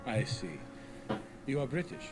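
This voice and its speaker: German accent, imperial official, game character, formal, probing, medium pitch, clear background music. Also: male voice, big pitch swings, measured pace. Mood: coolly inquisitive. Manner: formal, clipped, coolly polite. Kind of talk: video game character acting.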